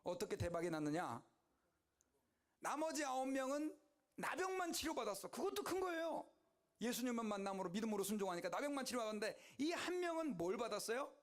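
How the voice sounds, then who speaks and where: A man's voice: extremely high pitch, brisk. A male pastor preaching a sermon, telling stories animatedly and calling out to his congregation. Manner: animated, exclamatory storytelling to the congregation.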